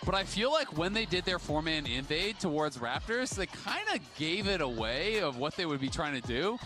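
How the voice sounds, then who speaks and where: A man breaking down a match as an esports analyst, detailed and animated. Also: a little high, normal speed.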